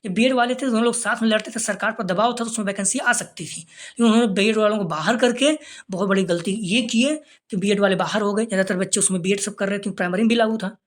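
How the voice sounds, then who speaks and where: A woman teaching an exam-prep lesson, reading out figures one after another in a steady way and checking in with her listeners again and again, sometimes dropping to a near whisper on a brief aside. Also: mid-range voice, fast. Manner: steady listing of figures, frequent "theek hai" check-ins. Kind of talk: informal explainer lecture.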